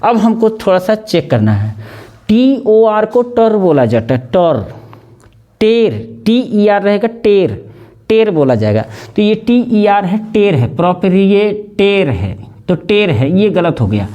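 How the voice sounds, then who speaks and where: A man with a Hindi accent teaching English spelling, slowly repeating each word and spelling it out letter by letter. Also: sits high, sing-song, dark tone, lo-fi sound. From India. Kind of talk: spelling lesson, explaining word by word.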